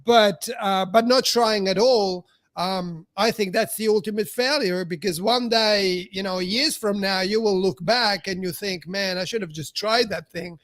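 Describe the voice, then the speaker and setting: A man's voice: high voice, measured pace, hardly any pauses, a bit bright, dry recording. A middle-aged man hosting a podcast, telling a story in a casual chatty way, full of fillers and acted-out dialogue. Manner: chatty, heavy on fillers, acts out quoted dialogue. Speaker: podcast host.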